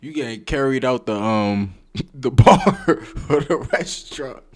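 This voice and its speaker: A man talks over a video in a loose, slangy manner and takes his time. His voice sits at an ordinary middle pitch. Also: lively intonation, takes it slowly. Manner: loose slangy drawl, frequent "bruh" and "like". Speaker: streamer reacting to a clip. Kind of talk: casual reaction commentary.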